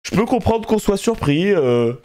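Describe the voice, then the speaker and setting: A man streaming live, chatting casually and excitably with his viewers, laughing often and swearing casually. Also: high-pitched, moderate pace.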